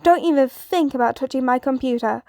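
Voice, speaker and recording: A woman's voice: high voice, brisk, dark tone, no room sound, clean studio sound. A woman voicing a teenage boy hero in a fan fiction reading, tense but trying to sound casual.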